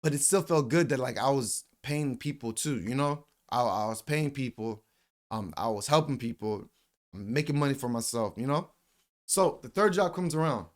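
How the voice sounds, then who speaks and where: A man in his late twenties tells a personal story in a casual, slangy way. His voice sits at an ordinary middle pitch. He talks loosely and animatedly, with plenty of fillers and some swearing. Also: normal speed. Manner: animated retelling with voiced quotes. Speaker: vlogger.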